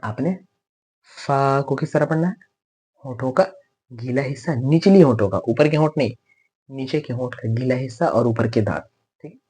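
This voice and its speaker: Male teacher, husky voice, patient step-by-step pronunciation lesson with slow repeated drills. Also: mid-range voice, warm tone. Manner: patient, repeats letter sounds slowly for students to copy. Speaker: Tajweed teacher.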